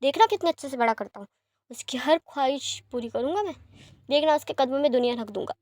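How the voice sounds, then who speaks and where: In a fan-fiction reading, a woman with a high, slightly mellow voice plays a doting, teasing young man who speaks fondly and reassuringly, sometimes quickly, in a soothing mood. The recording is dry and sounds close to her everyday voice.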